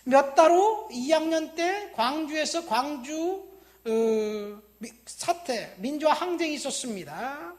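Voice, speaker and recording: High-voiced woman pastor preaching emphatically. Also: animated, slow. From Busan, South Korea. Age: 50s. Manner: emphatic preaching that swings between loud stresses and quiet, dropped asides; addresses the congregation directly with questions. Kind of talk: sermon.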